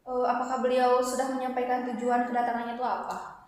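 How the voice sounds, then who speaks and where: A woman plays a calm company director in a workplace role-play. Her voice is fairly high, her manner informal, hesitant and consultative. The room is heavily echoey with long reverb. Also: quick pace, close to an everyday voice. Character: female company director, calm boss giving instructions.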